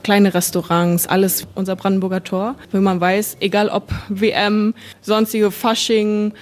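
A woman's voice: medium pitch, level tone, unhurried. A woman from Ecuador, a deputy hotel bar manager, chatting in a radio interview with frequent fillers. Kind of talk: radio interview, casual explaining.

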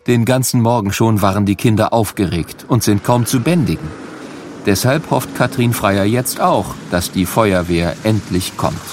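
A man narrating a children's story in an expressive, child-directed way. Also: medium pitch, creaky, a little hiss or hum.

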